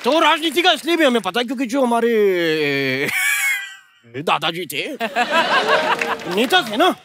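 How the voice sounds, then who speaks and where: A man's voice: wildly swooping pitch, slow, very noisy. A man performing a comedy sketch, joking, singing and chanting to the crowd. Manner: joking, sings and chants in a high voice. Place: large TV studio stage. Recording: TV studio stage with loud music and audience. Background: loud music and a laughing studio audience.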